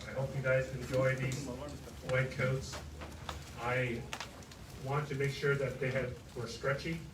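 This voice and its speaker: A man's voice: mid-range voice, flat delivery, a little slow. A man giving an informal ceremony address as clinic director, speaking plainly with some fillers. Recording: roomy, distant mic, noisy.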